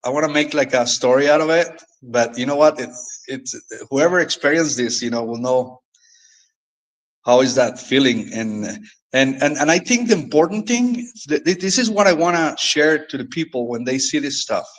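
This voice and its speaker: Earnest man, halting speech. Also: a little high, lively intonation, low-quality recording. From Mexico. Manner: halting, earnest, repeats words often. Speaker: guest. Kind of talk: casual storytelling.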